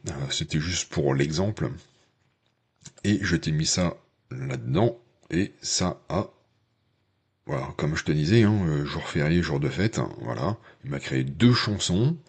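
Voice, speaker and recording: Very deep husky-voiced man, chatty. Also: lively intonation, normal speed, a little mellow. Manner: chatty, hesitant, many fillers; addresses viewer informally. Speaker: tech channel host. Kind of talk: casual screen-share tutorial.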